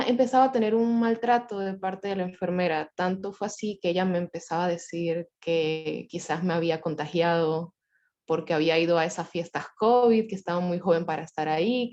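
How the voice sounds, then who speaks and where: Woman, 20s, lower pitch, measured student recounting on a dull-sounding call line. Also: warm tone. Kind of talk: personal account in class discussion.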